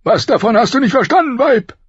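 A gruff, dying king with a strained, raspy, very rough voice that climbs high and swings wildly in pitch. He barks out harsh commands with fierce contempt. The sound is dull and dry, with no room around it. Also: sing-song, measured pace, dry recording, full character voice. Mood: commanding. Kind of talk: audiobook character voice.

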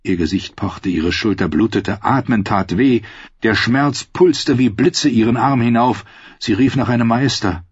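A man narrates a novel in a measured, dramatic way, his low voice husky. The sound is dry and close, slightly dull and lo-fi. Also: no room sound. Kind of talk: scripted audiobook narration.

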